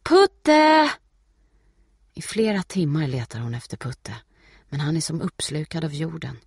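A man reading a novel aloud as an audiobook narrator, in a steady, measured way. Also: a little high, creaky, slightly rough, no room sound, clean studio sound.

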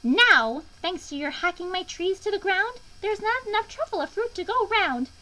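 A woman voicing an indignant, querulous old creature who speaks for the trees in a storybook, croaky and scolding in rhyme. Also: very high-pitched, expressive, normal speed, fairly bright tone, voice pushed up, rough recording. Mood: indignant, pleading. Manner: scolding, pleading, theatrical rhyming delivery.

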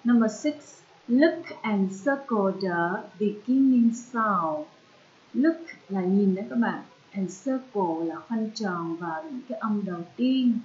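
Slow-spoken Vietnamese woman teaching English. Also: mid-range voice, animated, a little mellow, dull audio. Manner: switches between English and Vietnamese, slow drilled sounds. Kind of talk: online English lesson for children.

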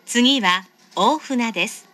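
A woman's voice: a little high, takes it slowly, bright, forceful tone. A woman reading a scripted automated train announcement in a formal, polite manner.

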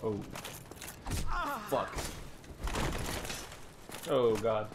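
A woman streamer giving live gameplay commentary, swearing constantly, laughing and yelling at the game. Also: a bass voice, drawn-out words. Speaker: gaming streamer. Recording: steady background noise.

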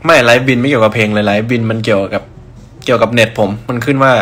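A man's voice: medium pitch, fairly even intonation, racing, fairly bright tone. A young man chatting on a livestream about his brand, rambling with restarts and answering viewers' comments. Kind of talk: casual livestream chat.

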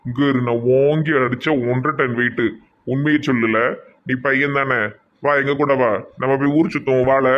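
A man's voice: mid-range voice, fairly even intonation, normal speed, muffled recording. A man with a Tirunelveli Tamil accent taunting someone in a village comedy sketch. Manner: taunting, bullying.

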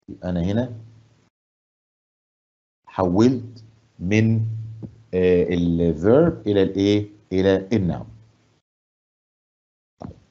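معلم مصري بصوت منخفض دافئ. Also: male voice, lowish voice, husky, muffled recording. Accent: Egyptian Arabic. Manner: asks the class questions and answers them himself; stresses English words slowly and loudly. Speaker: English teacher. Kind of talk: classroom lesson explaining grammar and pronunciation. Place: studio.

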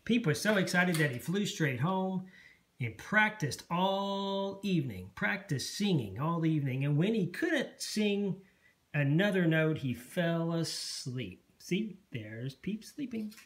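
Bedtime story reading, parent, picture book, slow, expressive, lively pitch.

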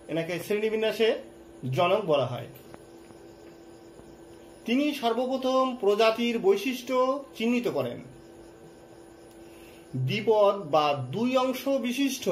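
High-voiced male science teacher. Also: a little hiss or hum, rough recording. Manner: repeats key terms, asks and answers his own questions. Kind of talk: online class lecture.

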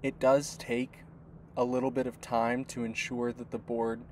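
Male tutorial narrator, middle pitch, plain step-by-step delivery, faint noise under the voice. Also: unhurried. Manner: steady, step-by-step explaining. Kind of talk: instructional voice-over.

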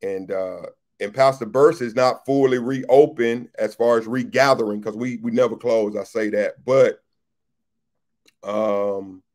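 A man's voice: medium pitch, fairly even intonation, measured pace, a little mellow. Pastor guy hosting a livestream, easygoing chat with viewers, says stuff twice, mid voice. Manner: chatty, repeats phrases, greets viewers by name. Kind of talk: casual livestream chat reading viewer comments.

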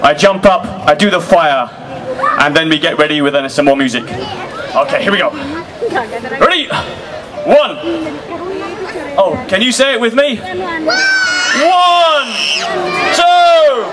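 A man's voice: fairly high pitch, expressive, normal speed, pauses often, background noise. A man performing a comic children's street show with a broad singsong delivery, clownishly repeating short phrases, amplified outdoors. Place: outdoor festival stage in a plaza. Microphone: amplified microphone, filmed from the audience. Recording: outdoor PA with music and loud crowd.

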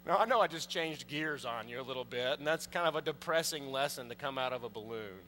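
With a mid-range voice, lively intonation, sharp tone and normal speed, a priest in his thirties gives a conversational sermon, asking the congregation questions. He stands at the pulpit of a large indoor church; a pulpit mic and far camera pick up long reverb and a faint mains hum.

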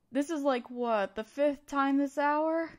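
In an intimate audio roleplay aimed at the listener, a woman with a high, darkish voice plays a young female student who acts as a teasing yet encouraging study partner. Her mood is teasing and exasperated, and she talks in a playful, conversational, affectionate way.

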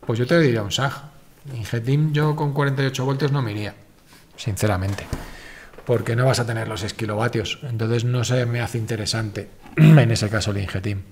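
A man's voice: medium pitch, steady tone, brisk, a little mellow, a little hiss or hum. A man hosting a casual live stream, answering viewer questions in a rambling, self-correcting, informal way.

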